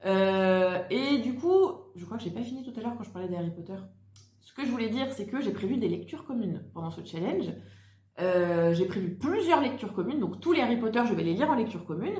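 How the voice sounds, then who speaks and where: A young woman talks casually about her reading plans, hesitating often and restarting her sentences. Her voice sits at an ordinary middle pitch. The room around her gives a noticeable echo. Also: expressive, fairly quick, dark tone. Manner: chatty, hesitant, many fillers and restarts. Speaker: book vlogger. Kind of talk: casual chat. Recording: echoey room.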